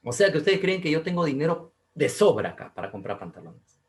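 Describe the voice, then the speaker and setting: A man's voice: a little high, sing-song, fairly quick, voice pushed up. A stern, no-nonsense mother, as a teacher puts her on, snapping out short, reproachful questions. She is raised and pointed, a step above the teacher's own voice, and speaks. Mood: indignant. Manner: sharp, clipped, reproachful. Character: stern scolding mother, middle-aged woman.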